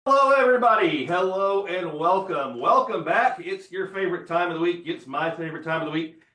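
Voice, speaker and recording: A man's voice: high-pitched, lively intonation, fairly quick, sharp tone, roomy sound, far from the mic. A man hosting an interview show, upbeat and welcoming as he introduces his guest. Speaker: podcast host. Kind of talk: hosted interview.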